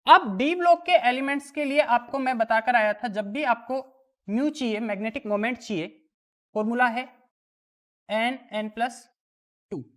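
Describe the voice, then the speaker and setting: A woman's voice: a little high, normal speed, a bit bright. A woman teaching a chemistry lesson, asking the class questions and answering them herself. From India. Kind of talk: classroom lesson explaining worked exam problems.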